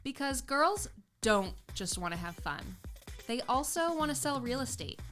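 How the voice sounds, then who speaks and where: A woman's voice: high voice, sing-song, normal speed, a bit bright, faint music behind. A woman reading a scripted podcast intro in an upbeat, punchy way.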